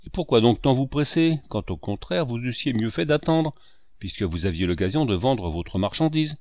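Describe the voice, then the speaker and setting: A man voicing a gentle but firm village priest, in a grave, measured reading. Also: mid-range voice, lively intonation, dry recording, natural voice. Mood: kindly. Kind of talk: audiobook character reading.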